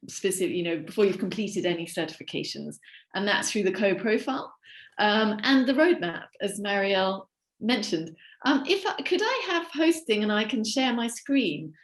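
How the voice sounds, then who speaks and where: A woman from the platform team giving a webinar walkthrough while sharing her screen, steady and explanatory with filler ums. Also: mid-range voice, roomy sound.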